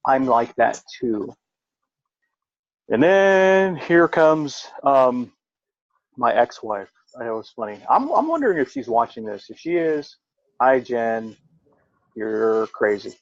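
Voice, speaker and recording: A middle-aged man, a veteran, telling a long personal story in casual chat, rambling and jumping up in pitch when he quotes himself. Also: very animated, takes it slowly, long pauses, no echo, dull audio. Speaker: podcast co-host, veteran.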